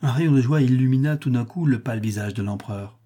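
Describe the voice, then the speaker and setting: A man narrating an audiobook in a measured, lowered tone. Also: warm tone, breathy edge.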